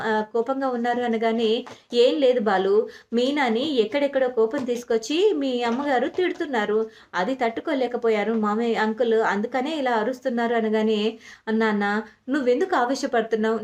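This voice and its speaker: A woman with a fairly high voice retells a family drama from a television serial. She speaks every quoted line herself in a steady, conversational storytelling flow, pausing on small fillers and restarting words now and then. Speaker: serial recap narrator. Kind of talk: retelling a TV serial episode, voicing the quoted lines.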